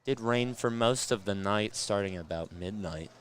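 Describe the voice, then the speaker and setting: A man's voice: fairly low pitch, moderate pace. A young man commentating on college baseball for student radio, laid-back with a dry sense of humor. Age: young adult. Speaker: color commentator.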